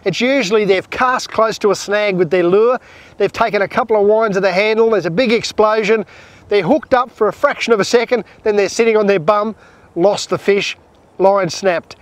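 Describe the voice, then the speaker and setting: A man's voice: sits high, moderate pace, no room sound. A man presenting instructional tips outdoors as a fishing instructor, explaining plainly and emphatically, step by step.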